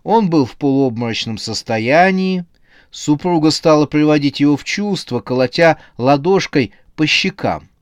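Lively male audiobook narrator, dry. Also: a little high, moderate pace, dry recording. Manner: lively, storytelling. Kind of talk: expressive scripted narration.

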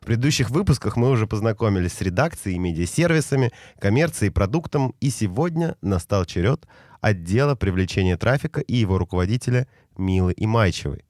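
Lowish-voiced male podcast host. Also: lively intonation, brisk, a little mellow, dry recording, studio quality. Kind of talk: podcast introduction and interview questions.

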